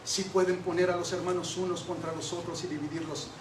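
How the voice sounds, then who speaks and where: A man with a very high-pitched voice preaches an emphatic sermon to his congregation, often calling them brothers. He sounds set back from the mic in an echoey church, with a faint hiss underneath. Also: little pitch movement, a little fast. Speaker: pastor. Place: church sanctuary. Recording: echoey church hall from far off, faint noise.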